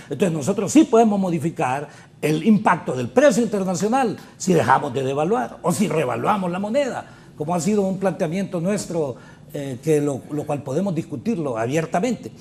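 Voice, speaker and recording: Male politician guest, emphatic and argumentative, slightly high voice. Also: creaky, a little mellow, slight background noise. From Honduras. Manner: argumentative, emphatic with rhetorical questions. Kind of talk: political interview commentary.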